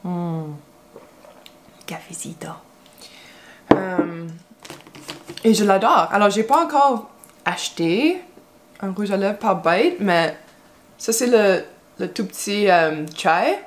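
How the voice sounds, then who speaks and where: A beauty vlogger from Quebec, an English speaker by first language, chats casually while doing her makeup. Her medium-pitched voice is expressive but slow, with long pauses, hesitant rambling, plenty of fillers and restarts, and a little hiss or hum in the audio.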